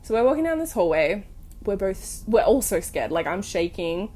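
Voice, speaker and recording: A young woman hosting a casual storytelling podcast, telling ghost stories in an animated, sweary way full of fillers. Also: medium pitch, moderate pace. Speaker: podcast host.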